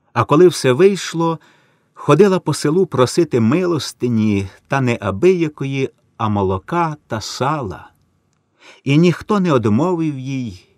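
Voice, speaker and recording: A man reading a story aloud in a solemn, measured manner, his mid-range voice steady and even. The recording is dry and close, with no room sound. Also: mid-range voice, no echo. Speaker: narrator.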